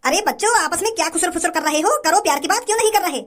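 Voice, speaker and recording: A woman's voice: extremely high pitch, rapid-fire, a bit bright. A woman voicing a stern, short-tempered middle-aged father in a comedy sketch, mocking and threatening in rustic speech. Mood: impatient.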